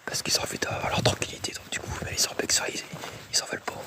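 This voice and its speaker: A man vlogging while exploring an old factory site, whispering tensely and swearing often. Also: fast talker. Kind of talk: whispered casual vlog narration.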